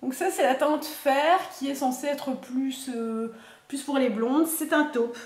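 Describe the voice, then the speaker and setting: A woman's voice: sits high, measured pace, darkish tone, reverberant. A woman, chatting through a makeup unboxing, thinking aloud with many fillers. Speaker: beauty vlogger. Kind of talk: casual product unboxing and swatching.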